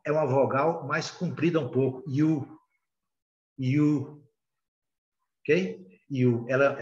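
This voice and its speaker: A man's voice: on the high side, reverberant, highs cut off. A Brazilian man with a Brazilian Portuguese accent teaching a recorded beginner lesson, explaining patiently and hesitantly with many filler sounds. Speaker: English teacher.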